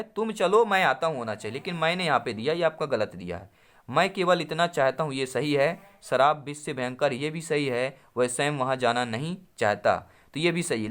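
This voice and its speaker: A man with a somewhat high-pitched voice teaches an exam-prep lesson for a coaching channel. He works through multiple-choice questions step by step, repeating each answer and inviting viewers, whom he calls friends, to respond. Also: a bit bright. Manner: addresses viewers as friends, repeats answers, asks them to reply.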